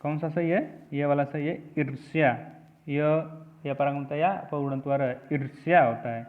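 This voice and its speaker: A man teaching a spelling lesson for exam preparation, repeating each word slowly and drilling the right form. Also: fairly high pitch, fairly even intonation. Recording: tinny phone-like audio.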